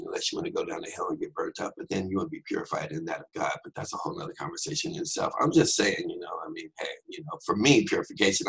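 A man giving a fast, conversational Bible teaching on a podcast, with joking asides. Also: low voice, creaky, a bit bright, breathy edge, poor audio.

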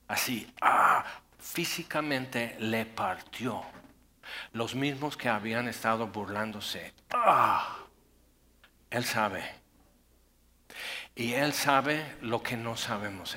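A man preaching a sermon, animated, swinging from loud bursts to hushed intensity. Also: mid-range voice. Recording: long hall reverb.

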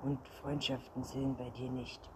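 A man's voice: mid-range voice, level tone, normal speed, natural voice. A man voicing a frightened, indignant young boy in a storybook reading. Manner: fearful, stammering, outraged. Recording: noisy recording.

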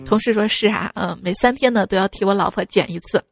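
A woman's voice: fast talker, creaky. A woman host reading listener jokes aloud, laughing at her own lines and jumping her voice up to act out the people in each joke. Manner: lively, acts out quoted speakers with jumps in pitch. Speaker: radio-style joke show host. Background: faint background music.

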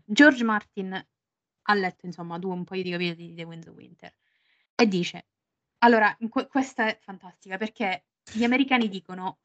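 A woman's voice: mid-range voice, no room sound, dull audio. A woman co-hosting a casual book podcast. She reads passages aloud with drama and jokes and swears freely between them. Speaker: podcast co-host.

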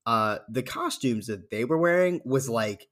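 A man in casual chat with a friend, tearing into a bad film. He talks in a loose, mocking way with lots of fillers and suddenly acts out scenes with loud screams. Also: medium pitch, animated, unhurried. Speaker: podcast co-host reviewing a movie.

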